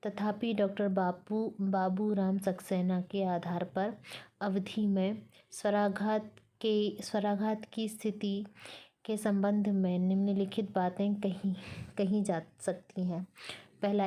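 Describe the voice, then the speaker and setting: Slow, flat-voiced woman lecturer. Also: mid-range voice. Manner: slow, careful reading, breaking words apart to explain spelling. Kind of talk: read-aloud lecture from a textbook.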